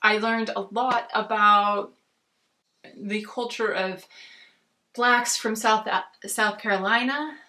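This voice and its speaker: An American woman chatting casually about books as a video reviewer, rambling and haltingly rephrasing as she goes. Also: mid-range voice, fairly even intonation, sharp tone. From United States. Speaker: book reviewer on a video channel. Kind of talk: casual book chat to camera.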